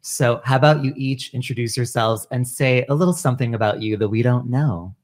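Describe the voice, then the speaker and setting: A woman's voice: very deep voice, brisk, a little mellow. A woman hosting a podcast, upbeat and giggly as she interviews guests in casual chat. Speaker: podcast host.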